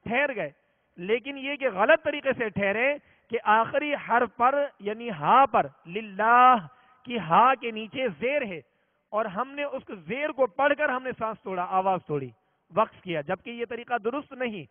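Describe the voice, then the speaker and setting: A man teaching a religious reading lesson, explaining patiently and repeating each rule, slowing down to sound out examples. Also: extremely high pitch, expressive. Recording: tinny phone-like audio, long reverb.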